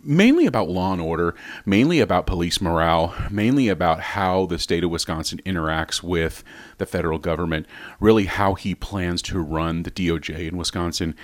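A man's voice: low voice, a little fast, no echo. A podcast host from the South, upbeat and joking as he interviews a guest. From Southern United States. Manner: upbeat, joking, self-promoting.

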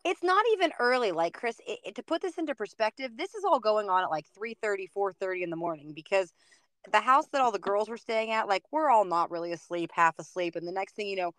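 A woman's voice: mid-range voice, animated, quick pace, a bit bright, no room sound. A woman hosting a casual podcast interview, searching for her words with hesitant restarts and laughing along with her guest.

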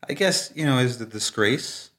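A man's voice: mid-range voice, lively intonation, normal speed, fairly bright tone. A man talking casually and reflectively as an interview guest. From Brooklyn, New York.

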